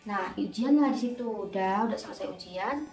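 A young woman, telling an animated storytime while doing her makeup, recorded in a roomy indoor space from a distance with faint music. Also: medium pitch, moderate pace. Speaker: nurse vlogger.

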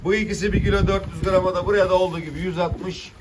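A man's voice: high voice, fairly even intonation, very fast. A man working as a fish auctioneer, calling out weights and prices to buyers in repetitive formulas. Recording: distant mic, loud vehicle and handling noise.

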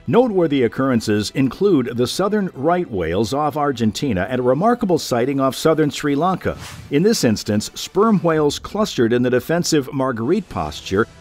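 A man reading scripted nature documentary narration in a measured, formal storytelling way. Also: medium pitch, a little mellow. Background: background music.

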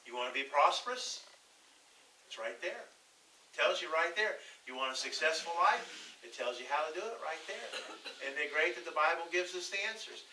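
A Texan man preaching in a church, his voice very bright and sitting a touch high. He reads scripture slowly and draws spoken answers from the people in the pews. The sound is roomy and distant, as though picked up from far off in the sanctuary. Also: animated, a little hiss or hum. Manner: folksy, calls for congregation responses, reads scripture slowly. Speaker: pastor. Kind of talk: sermon.

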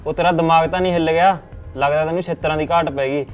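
A man's voice: fairly high pitch, steady tone, rapid-fire, soft background music, close to an everyday voice. A man playing a bullying, threatening husband. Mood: angry, threatening. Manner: blustering, threatening. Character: threatening, drinking husband who bullies his wife. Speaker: actor in a short film.

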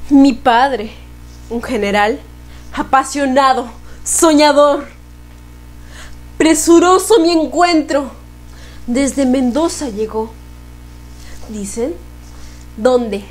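A teenage girl with a Peruvian accent recites poetry theatrically, with dramatic emphasis and long pauses, in a living room. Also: high-pitched. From Peru. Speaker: student reciter in a poetry contest.

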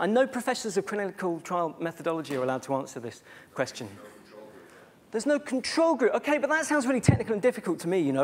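A British man giving a conference talk on bad science, chatty and sarcastic, with many fillers and asides. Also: sits high. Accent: British English. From Britain. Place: conference stage before an audience.

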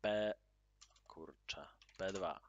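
Slow, low-voiced man commenting on a game. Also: highs cut off, slight background noise. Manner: loud upbeat greetings, then mutters quietly while playing; excited exclamations at in-game drops. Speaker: gaming channel host. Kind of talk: casual gameplay commentary.

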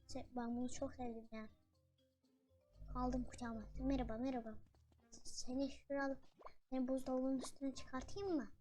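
A woman's voice: a little high, dark tone. A woman hosting a gaming channel, chatting casually to viewers and her in-game pet as she plays. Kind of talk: casual gameplay commentary.

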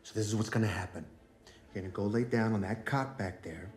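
An actor playing a curt, controlling alter ego who gives orders in a low, steady voice. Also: male voice, a little fast, faint music behind, lightly acted. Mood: commanding. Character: cold, commanding inner alter ego, man.

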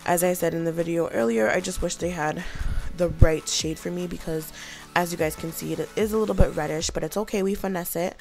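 A woman's voice: on the low side, fairly even intonation, brisk, vocal fry, a little mellow, soft background music. A young woman narrating a makeup tutorial in a casual, chatty, informal way. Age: young adult. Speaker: beauty vlogger.

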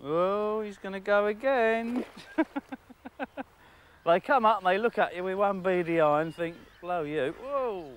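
A middle-aged man giving outdoor fishing commentary from a lakeside jetty, excitable, laughing often and talking to the fish. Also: high voice, a little slow, slight background noise. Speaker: angling presenter.

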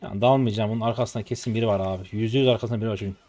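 A man's voice: on the low side, steady tone, racing, mellow. Young male game streamer from Turkey, exasperated live commentary, grumbling with flare-ups. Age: 20s. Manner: exasperated, frustrated muttering and outbursts.

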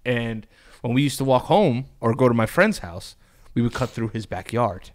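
A man co-hosting a casual podcast, telling stories with lots of swearing and animated delivery. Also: medium pitch, moderate pace. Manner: profane, animated storyteller. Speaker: podcast co-host. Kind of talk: casual chat.

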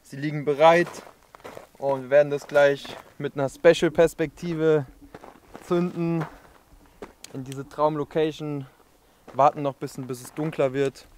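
A man's voice: on the high side, fairly even intonation, measured pace, pauses often, a little mellow, slight background noise. Chatty young man reviewing outdoors. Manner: chatty, addresses viewers directly. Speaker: fireworks video host. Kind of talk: casual review commentary. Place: outdoors on open dirt ground at dusk. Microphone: action camera.

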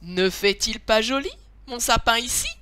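A woman's voice: on the high side, moderate pace, pushed and bright, clean tone, no echo. A woman voicing a sleepy, good-natured father bear in a storybook. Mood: cheerful. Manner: drowsy yet cheerful.

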